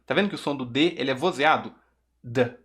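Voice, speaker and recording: A Brazilian man teaching English pronunciation, drilling single words slowly with exaggerated sounds between explanations in Portuguese. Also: medium pitch, fairly bright tone. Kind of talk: pronunciation lesson.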